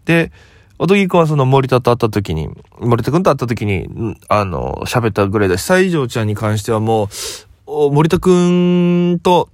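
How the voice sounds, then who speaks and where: A young comedian from Okinawa, just woken up, telling a rambling story in a relaxed solo talk. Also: male voice, medium pitch, normal speed, no echo, clean studio sound. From Okinawa, Japan. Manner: relaxed rambling storytelling, quoting others as he goes. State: just woken up, voice lower than usual.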